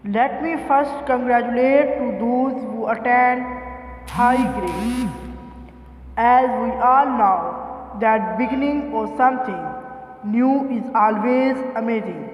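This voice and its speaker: A man with a strikingly high voice delivers a school assembly speech to students at a slow, deliberate pace. He is earnest and formal, like a teacher addressing the school, and sounds distant in a very echoey hall.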